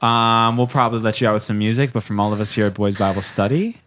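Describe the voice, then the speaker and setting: Low-voiced man hosting a casual podcast. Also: steady tone, fast, fairly bright tone. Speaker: podcast host.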